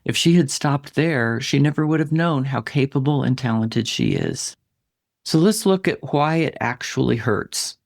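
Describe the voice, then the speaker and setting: Gravelly, reassuring male podcast coach. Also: medium pitch, no echo, clean studio sound. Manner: gentle, reassuring, speaks directly to listener. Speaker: writing coach and podcast host. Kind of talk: solo podcast monologue.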